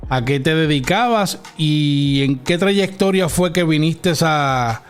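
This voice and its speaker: Male pastor hosting a radio talk show, high voice, faint music underneath, lots of amén. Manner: affirming, frequent "amén". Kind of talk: radio interview.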